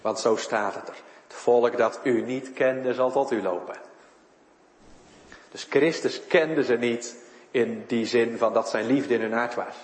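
A man's voice: medium pitch, unhurried, roomy sound, big-room sound. A man preaching a sermon in church, his voice rising and falling for emphasis. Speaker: pastor.

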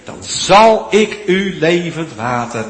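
A man preaching a sermon, swinging between loud, pleading appeals and hushed, almost whispered lines. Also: fairly high pitch, very animated, takes it slowly, a little hiss or hum. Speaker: pastor. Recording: echoey church hall, long reverb.

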